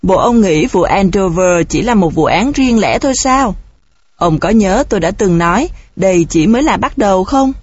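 Woman reading as an old detective, calm and sure. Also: medium pitch, moderate pace, breathy edge, no room sound. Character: shrewd elderly male detective, calm and certain. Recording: dull, dry recording.

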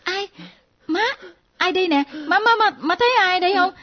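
A woman playing an excitable young adult daughter who exclaims and teases. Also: extremely high pitch. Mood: excited. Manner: quick, exclaiming, teasing. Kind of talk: radio drama acting. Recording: dull lo-fi recording.

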